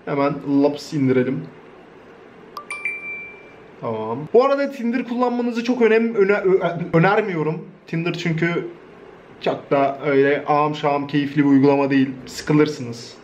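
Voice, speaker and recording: A man's voice: fairly high pitch, normal speed, darkish tone, lo-fi sound, a little hiss or hum. A young man from Turkey chatting casually in a vlog, joking, swearing freely and laughing often. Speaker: YouTuber.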